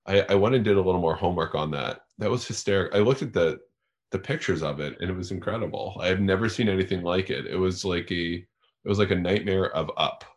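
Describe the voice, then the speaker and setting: A man chatting as a guest on a sports podcast, stumbling over words and joking dryly. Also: sits low. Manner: halting, repeats words, dry humor. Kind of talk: casual sports chat.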